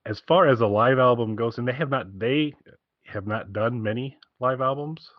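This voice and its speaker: Here a man recommends albums as a podcast co-host, talking in a loose, enthusiastic ramble with dry little asides. He has a mid-range voice at a normal speed, captured in dull audio without any room sound.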